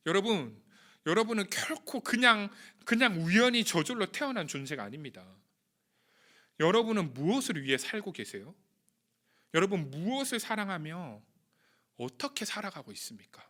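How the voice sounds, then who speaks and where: Bright, high-voiced young man preaching. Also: big pitch swings, moderate pace. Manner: emotional, earnest, confessional. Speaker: youth pastor. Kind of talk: sermon. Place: church or home studio for online youth service.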